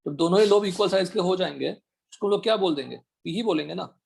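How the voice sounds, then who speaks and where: A man teaching an online chemistry class, firing quick questions at his students to check they follow. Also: sits high, creaky, a little mellow, husky. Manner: quizzing students with rapid questions. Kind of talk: online chemistry class, Hindi mixed with English.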